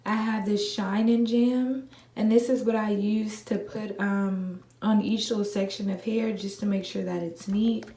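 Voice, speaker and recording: A young woman vlogger, talking viewers through a hair tutorial in a relaxed, chatty way, a little groggy from just waking up. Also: mid-range voice, a little slow, slight background noise. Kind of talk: casual how-to tutorial. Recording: echoey room with faint ambience.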